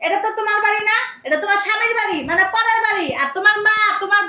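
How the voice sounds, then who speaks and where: An actress playing a loud, accusing mother-in-law in a family drama. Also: extremely high pitch, very fast, roomy sound, full character voice. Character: scolding accusing mother-in-law, middle-aged woman.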